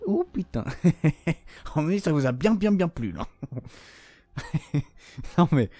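A man commentating his own shooter gameplay, excitable and swearing often, shouting at opponents. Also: on the high side, takes it slowly, no room sound. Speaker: gaming YouTuber.

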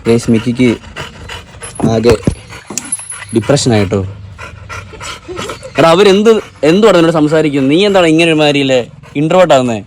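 A man's voice: on the high side, expressive, fairly quick, long pauses, slight background noise. A man vlogging casually, teasing and chatting to his pet dog.

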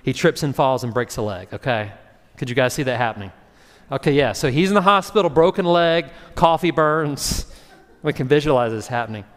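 A man's voice: medium pitch, expressive, brisk. A man, a pastor giving a conversational sermon and acting out short voices in his story. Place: church sanctuary. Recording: long hall reverb.

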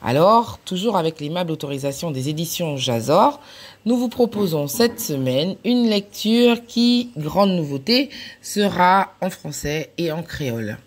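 Animated woman storyteller, unhurried. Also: lowish voice. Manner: animated, acts out laughs and cries. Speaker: library storyteller. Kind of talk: reading a children's picture book aloud.

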